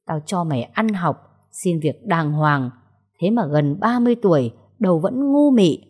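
A woman reading a story aloud, voicing a furious older male official who shouts and scolds his grown daughter. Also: fairly low pitch, lively intonation, normal speed, husky. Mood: furious scolding. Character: furious older male vice chairman, domineering father.

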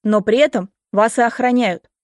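A woman's voice: fairly high pitch, a little mellow, no echo, studio quality, close to an everyday voice. A woman voicing an anxious young man, the wife's ex-husband, who urgently pleads to be heard. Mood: urgent pleading. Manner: hurried, pleading.

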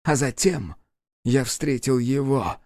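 A man's voice: medium pitch, slow pace, a little mellow, dry recording, studio quality, voice pushed up, close to an everyday voice. A man voicing a vengeful, anguished male demon in an audiobook, shrieking and wailing on the edge of tears. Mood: bitter. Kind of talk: audiobook character voice.

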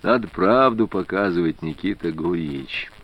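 A man playing a soft-spoken, persistent detective. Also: sits low, sing-song, a little slow, creaky, breathy edge, voice pushed down, exaggerated voice. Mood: coaxing. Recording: dry, slightly dull studio reading.

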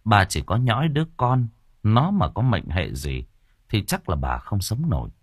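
A man narrating an audiobook story in an expressive way. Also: on the low side, moderate pace, breathy edge, no room sound, studio quality. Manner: expressive, acts out characters.

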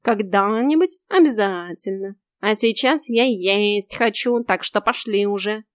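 A woman voicing a cheeky, practical male house cat who grumbles in a loud, drawn-out way. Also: mid-range voice, clean tone, no room sound, clean studio sound, lightly acted. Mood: smug.

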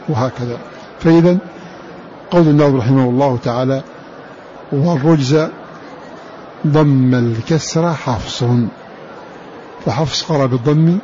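Guy teaching quran readings, mellow voice, slow chanty lines, dull old recording with hiss. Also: medium pitch. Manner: slow and deliberate, repeats words, drawn-out chanting of verse lines. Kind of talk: explaining and chanting verses of a poem.

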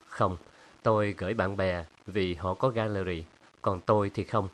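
A man's voice: low-pitched, steady tone, measured pace. A man reading the lines of a moody, sardonic young painter in a storybook, speaking tersely.

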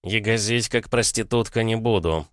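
A man's voice: lowish voice, normal speed, no echo, clean studio sound, pitched above the performer's own voice, close to an everyday voice. A man voicing a blunt male captain interrogating a prisoner, pressing hard with a mocking edge.

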